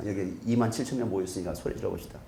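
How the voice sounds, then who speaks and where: A man in his thirties, a pastor giving a lively sermon in a large church hall, joking with the congregation and breaking into shouts. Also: deep voice, racing, gravelly, slight background noise. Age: 30s. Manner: joking, animated, bursts into shouts.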